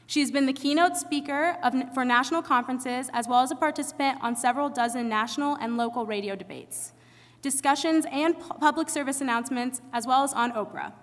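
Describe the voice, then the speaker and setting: A young woman reads an earnest prepared speech as emcee, her voice high and bright. It rings out with a long reverb across a large hall. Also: brisk. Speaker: student emcee.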